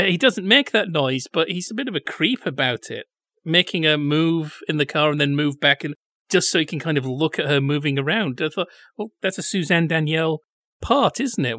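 A man co-hosting a film review podcast, chatting in a sardonic way and tossing in silly quick voices. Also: fairly high pitch, bright, forceful tone, dry recording. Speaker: podcast co-host. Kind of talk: casual film review chat.

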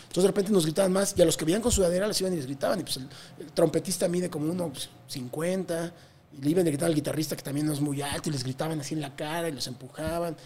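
A man with a Mexican accent telling a touring story in a casual interview, animated and full of slang and swearing. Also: a little high, very fast, slightly rough. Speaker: touring musician guest.

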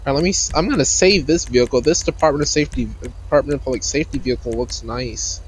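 A man's voice: mid-range voice, quick pace, slight background noise, low-quality recording. A man hosting a gaming video with informal commentary, thinking aloud as he plays. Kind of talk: casual gameplay commentary.

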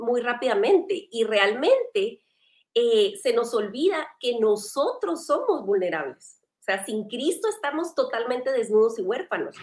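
Woman, earnest panel host, faith discussion, higher voice, roomy echo. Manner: earnest, animated, conversational.

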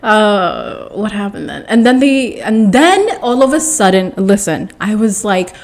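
A young woman tells a personal story to the camera in a casual storytime monologue, dramatic and animated. She rambles, corrects herself mid-sentence and keeps restarting her thoughts. She clears her throat often as she goes. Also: mid-range voice, unhurried. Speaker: vlogger telling a personal story.

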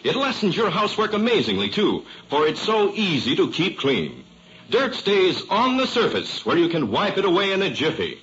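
An American man delivering a chipper, polished sales pitch as an announcer in an old-time radio ad. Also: huge pitch swings, normal speed, fairly bright tone, highs cut off. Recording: noisy, band-limited old radio recording.

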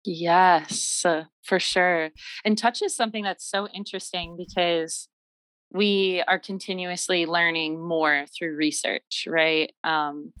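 A woman guest on a podcast talks about her work in a slow, measured way. Her voice sits a little low, earnest and reflective, sprinkled with ums. The recording is dry and close. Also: fairly even intonation, a bit bright, no room sound, poor audio. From Michigan. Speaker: podcast guest, massage therapist. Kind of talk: casual interview talk.

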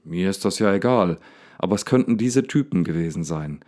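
An indignant young man in a storybook lion's den, voice pushed high and loud with slightly hysterical anger, as a male narrator plays him. His tone is dark and mellow underneath, and his outbursts tumble out in defiant bursts. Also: expressive, a little slow. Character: agitated young man Daniel thrown to a lion.

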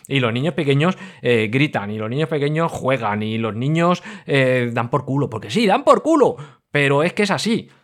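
A middle-aged man hosts his podcast in a casual, venting monologue. He swings from loud, animated outbursts to low muttered asides. His voice sits at a moderate, ordinary pitch. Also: moderate pace. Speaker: podcast host.

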